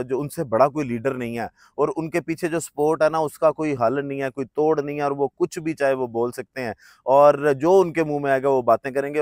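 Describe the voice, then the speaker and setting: A man's voice: medium pitch, darkish tone, no echo, studio quality. Man giving hesitant political commentary. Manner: conversational, hesitant with frequent filler sounds.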